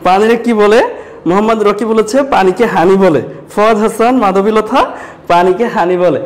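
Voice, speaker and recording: A man's voice: high voice, a little fast. A man from Sylhet teaching an online class, asking students repeated questions and addressing them directly. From Sylhet, Bangladesh. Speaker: Bengali teacher.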